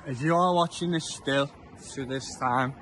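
A man's voice: medium pitch, unhurried, fairly bright tone, slight background noise. Tipsy young man. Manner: rambling, chatty, repeats himself. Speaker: vlogger. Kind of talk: casual walking vlog commentary. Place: outdoors on town streets at dusk.

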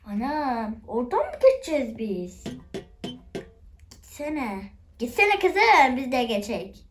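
A woman's voice: on the high side, animated, a little slow, mellow. A woman hosting a channel, chatting to viewers with frequent exclamations as she plays a game. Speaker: gamer, channel host. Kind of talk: excited game commentary. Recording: faint background noise and clicks.

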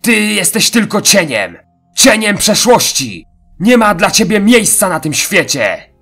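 A deranged teenage boy killer voiced by a man shouts in a raised, frantic pitch. He is boastful and defiant, horror audio drama style, with a rough edge and faint music behind. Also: very animated, a little slow, full character voice. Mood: furious defiance.

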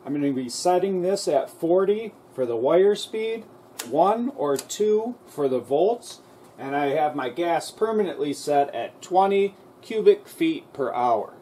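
A man with a slightly high voice explains his welder settings and technique in a calm, reassuring way. He is recorded on a camera mic near the work in a garage workshop. A steady hum and crackling welding noise sit clearly behind his voice. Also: unhurried. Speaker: auto body repair instructor. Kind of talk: welding tutorial narration.

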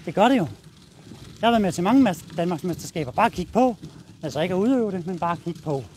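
Blunt high-voiced Danish dog trainer. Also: male voice, animated, darkish tone, a little hiss or hum. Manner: blunt, casual, addresses viewers while walking the dog. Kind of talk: outdoor training demonstration. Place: outdoors, walking a dog.

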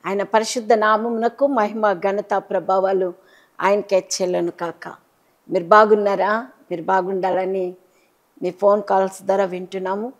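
A woman's voice: medium pitch, flat delivery, moderate pace. Fervent Telugu woman preaching a sermon. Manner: fervent, swings between loud exhortation and soft pleading. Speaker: bishop.

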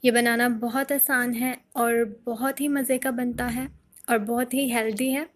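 A woman hosting a home cooking channel, calmly explaining a recipe step by step in a voice-over. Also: a little high, unhurried. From Pakistan. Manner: calm step-by-step instruction.

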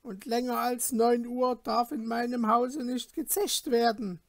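A man's voice: very high voice, fairly even intonation, unhurried, no room sound, studio quality, pitched above the performer's own voice. A man voicing a stern, grumpy innkeeper woman who scolds her guests in a storybook reading. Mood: angry. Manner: curt, scolding. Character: stern grumpy middle-aged female innkeeper.

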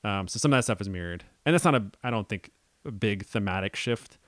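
A man's voice: on the low side, lively intonation, fast, a bit bright, no echo, studio quality. A young man co-hosting a casual podcast about a film adaptation, thinking aloud with many ums and restarts. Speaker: podcast co-host.

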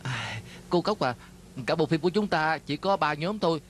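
A man's voice: a little high, expressive, moderate pace, a little hiss or hum, natural voice. A man dubbing an anxious, placating male film crew assistant in a TV drama. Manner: placating and apologetic. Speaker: dub actor. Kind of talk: Vietnamese dub of a TV drama.

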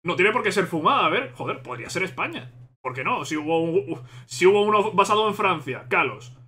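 Watching a game trailer, this Spanish-accented man from Spain gets excited and thinks out loud, saying things more than once. He speaks fairly quickly in a high voice.

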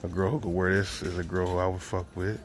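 Deep-voiced man vlogging in a store. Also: level tone, quick pace, background noise. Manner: casual, chatty, thinking aloud. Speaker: reselling vlogger. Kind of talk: casual shopping vlog. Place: large retail store, indoors. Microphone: handheld phone.

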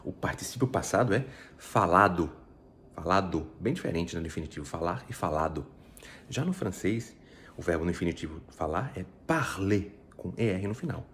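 A Brazilian man with a very low voice and a Brazilian Portuguese accent teaches French in a relaxed, chatty way. He explains each point step by step and keeps asking the listener whether they are following. Faint noise sits under the recording. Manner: chatty, explains step by step, frequent tag questions. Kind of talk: casual video lesson.

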